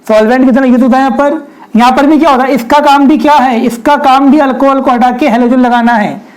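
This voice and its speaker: A man's voice: extremely high pitch, fairly even intonation, quick pace, poor audio. A young man, giving a chemistry lecture at a whiteboard, often asking rhetorical questions and speaking directly to his students. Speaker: chemistry teacher.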